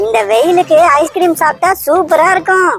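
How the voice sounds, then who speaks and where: Brief: high, cheeky cartoon parrot played by a woman, greedy and taunting. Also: fairly even intonation, brisk, faint music behind. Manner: taunting, mocking.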